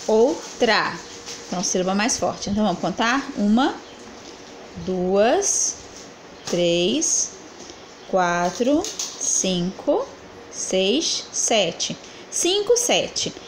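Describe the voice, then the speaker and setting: A woman's voice: mid-range voice, sing-song, drawn-out words, long pauses, slight background noise, poor audio. A woman teacher correcting exercises in a lesson, asking the class questions and answering them herself as she counts syllables aloud.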